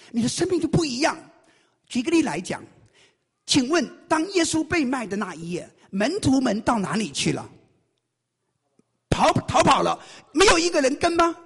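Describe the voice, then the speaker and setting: A man's voice: high voice, creaky, husky. A man preaching a sermon, telling a story with animation and firing questions at his congregation. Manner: quizzes the congregation with rapid questions. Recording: long hall reverb.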